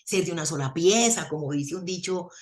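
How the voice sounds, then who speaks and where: Lively Colombian woman guest, lowish voice. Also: fairly quick. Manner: animated storytelling, folksy sayings. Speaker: theologian guest. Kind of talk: radio interview.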